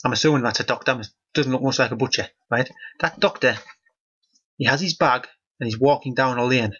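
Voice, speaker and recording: A man with a husky voice reads a children's picture book aloud and keeps stopping for deadpan, mock-outraged commentary. His pitch sits in a middle register. The sound is dull and lo-fi. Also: fairly quick. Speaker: host reading a children's book. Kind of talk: comic book reading with running commentary.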